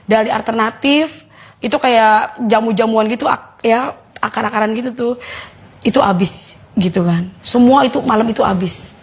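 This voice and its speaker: A woman with a Betawi Jakarta accent giving a casual personal testimony, telling her story in a lively way and acting out the voices of others. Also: fairly high pitch, normal speed, husky. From Jakarta, Indonesia. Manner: animated storyteller who acts out quoted voices. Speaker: guest giving a faith testimony.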